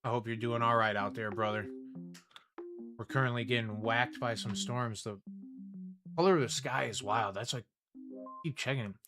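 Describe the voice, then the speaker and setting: A man's voice: mid-range voice, normal speed, long pauses, over music. A man hosting a livestream, telling a rambling story casually, swearing freely and talking to viewers by name. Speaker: livestream host.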